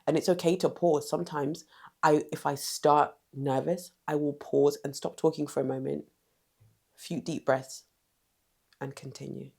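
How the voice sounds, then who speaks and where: A woman's voice: low-pitched, flat delivery, measured pace, creaky, darkish tone, husky. A woman giving direct, emphatic confidence advice in a vlog, repeating short commands. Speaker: confidence coach.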